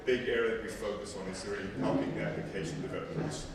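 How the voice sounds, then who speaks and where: A man whose first language is Afrikaans presents at a technical conference in a large hall with a seated audience, speaking conversationally and often repeating words as he corrects himself. His lowish voice is fairly even in intonation and quick in pace. Filmed from far back while he holds a handheld mic, the audio is echoey, distant and full of crowd noise.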